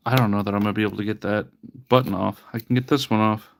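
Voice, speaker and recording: Faint music plays behind a fast-talking man with a fairly low, steady, creaky voice. He's a retro-handheld repairer cleaning an old console on a live stream, chatting loosely, slightly sniffly from allergies and dropping wry, mock-disgusted comments.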